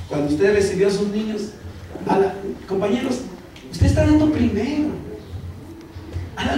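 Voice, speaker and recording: A man with a Guatemalan accent giving an animated workshop lecture to teachers, calling them colleagues. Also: high voice. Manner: animated, addresses the audience as colleagues. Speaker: teacher trainer. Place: large hall. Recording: echoey hall from far off, noisy.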